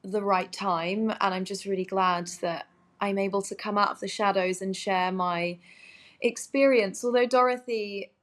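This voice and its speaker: A woman's voice: medium pitch, steady tone, normal speed. A woman with a Surrey, Home Counties English accent chatting as a guest in a casual interview, gushing and a little self-effacing. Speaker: interview guest, musical theatre performer.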